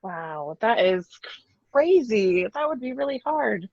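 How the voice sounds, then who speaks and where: A woman's voice: fairly high pitch, big pitch swings, slow, a little mellow, dry recording. A woman author being interviewed, chatty and laughing easily, hesitant with ums. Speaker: author guest. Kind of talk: casual interview chat. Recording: slightly muffled dry sound.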